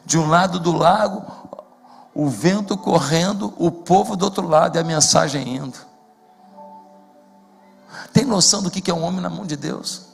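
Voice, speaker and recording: Impassioned pastor in echoing hall. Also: male voice, high voice, normal speed, creaky, pauses often, slightly rough. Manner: impassioned, builds to shouting. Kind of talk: sermon. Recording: long hall reverb with faint music.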